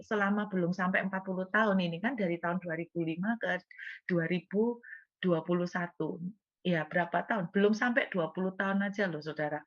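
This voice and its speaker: A woman's voice: fairly low pitch, dull audio. A middle-aged woman with an East Javanese accent preaching a sermon, telling stories about her own ministry and mixing in Javanese phrases.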